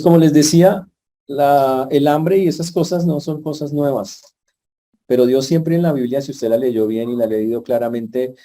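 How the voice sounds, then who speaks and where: Man, pastor, sermon, dark husky voice, chatty questions to the congregation. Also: medium pitch. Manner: conversational, asks the congregation questions. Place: church.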